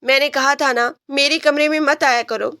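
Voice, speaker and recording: Storybook read: a woman plays a domineering male police officer, scornful and harsh, in a high, dry voice. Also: steady tone, sharp tone, no room sound. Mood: harsh, commanding. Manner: barking, scornful.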